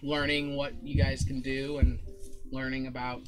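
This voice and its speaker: A man's voice: mid-range voice, level tone, music in the background. Laid-back male game master. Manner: casual, laughs often, halting fillers. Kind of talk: narrating a tabletop game.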